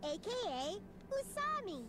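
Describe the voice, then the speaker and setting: A woman's voice: extremely high pitch, big pitch swings, measured pace, background noise, full character voice. A woman voicing a sugary, bubbly female rabbit mascot teacher in a video game, over game music. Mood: sweet. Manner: sweet, bubbly. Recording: game music playing under voice.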